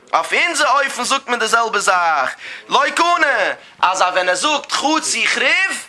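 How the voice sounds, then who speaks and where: A man's voice: high voice, pushed and bright. A man teaching a Talmud lesson, explaining in a rising and falling sing-song. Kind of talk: Talmud lesson in Yiddish-German.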